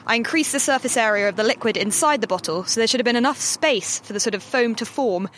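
Woman, physicist, outdoors in car park, eager explaining, rapid, slightly high voice, faint traffic. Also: fairly bright tone. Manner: fast, eager, explaining while doing. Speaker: physicist panelist. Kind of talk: live demonstration from outside.

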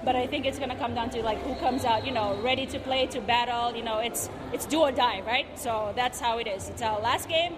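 A woman's voice: fairly high pitch, fairly quick, hardly any pauses. A woman team captain from Fiji giving a casual, conversational post-match interview, often adding "you know" and "right". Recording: noisy outdoor location with traffic.

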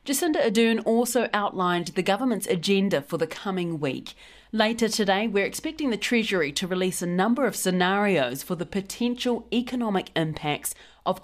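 Hosting a news podcast, a woman with a New Zealand accent reads the headlines clearly and in a measured way. Her voice sits in the mid range.

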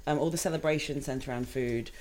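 Low-voiced chatty young woman cooking. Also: steady tone, quick pace, a little mellow. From Hong Kong. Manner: chatty, laughs often. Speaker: home cook guest. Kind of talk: casual chat while cooking.

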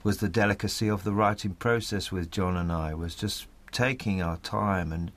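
A playwright speaks earnestly and articulately in a thoughtful interview, often repeating phrases for emphasis. He has a deep voice and a moderate pace.

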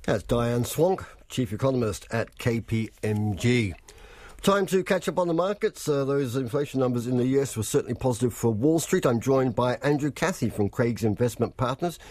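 A man's voice: medium pitch, expressive, normal speed, darkish tone, no room sound. New Zealand man presenting business news, dry studio. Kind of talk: radio business news bulletin and interview.

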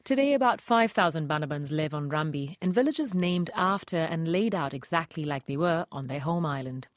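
A woman host reading a scripted radio documentary narration in a calm, clearly paced way. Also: low voice, normal speed, no room sound, studio quality.

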